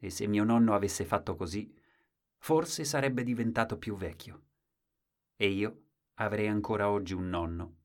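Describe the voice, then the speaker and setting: A man reading a short story aloud as narrator, expressive, with wide swings in loudness. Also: lowish voice, moderate pace.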